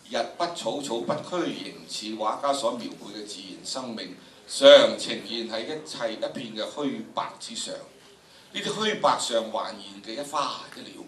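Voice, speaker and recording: An older man teaching a drama workshop speaks with a Hong Kong Cantonese accent in a medium-pitched, fairly bright voice. He addresses the students directly with theatrical emphasis, lecturing and demonstrating dramatic recitations. Captured at a distance in a large indoor lecture room, the audio is noisy and echoey.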